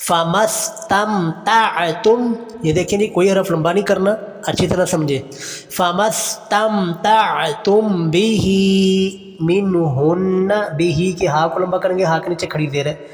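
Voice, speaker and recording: A male Quran teacher giving a recitation lesson, drawing out slow chanted phrases and then explaining in quick, plain speech. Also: high-pitched, steady tone, darkish tone, big-room sound, faint music behind.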